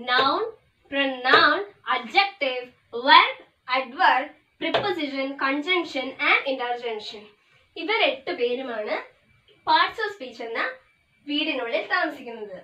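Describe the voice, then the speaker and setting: A woman teacher walks through a grammar lesson, slowing down for the English definitions. Her voice sits high and sounds bright and sharp. It bounces around an echoey room, a little way from the mic. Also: far from the mic. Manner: explains in Malayalam with English terms, slows down for definitions.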